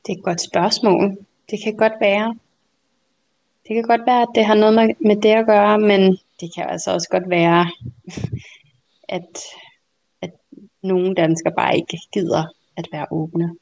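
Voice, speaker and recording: Woman co-host with a mid-pitched voice, telling stories in a chatty way with frequent laughs. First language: Danish. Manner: chatty, animated, laughs often. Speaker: podcast co-host. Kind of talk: casual conversational storytelling.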